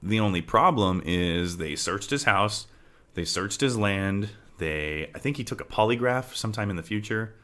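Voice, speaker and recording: A man's voice: on the low side, lively intonation, moderate pace, bright, forceful tone. A man co-hosting a true-crime podcast, talking casually and loosely, often checking in with "right?". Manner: conversational, often adds "right?", trails off into laughter at times. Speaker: podcast co-host. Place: home with farm animals nearby.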